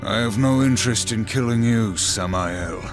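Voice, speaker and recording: A man's voice: mid-range voice, normal speed, music in the background, natural voice. An actor playing a grim warrior horseman who speaks tersely and sternly. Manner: stern, clipped. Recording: game score under the voice.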